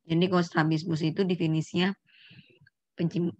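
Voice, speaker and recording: A woman's voice: on the low side, little pitch movement, moderate pace, darkish tone, no echo. A middle-aged woman lecturing students on neurology, explaining terms step by step, quizzing the class and correcting herself mid-phrase. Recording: dull lo-fi lecture recording.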